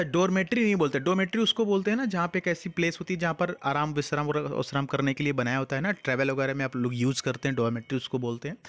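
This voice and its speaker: A man teaching an English exam-prep lesson, asking questions and answering them himself, reading English sentences out slowly word by word. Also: fairly high pitch. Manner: mixes English words into Hindi explanation.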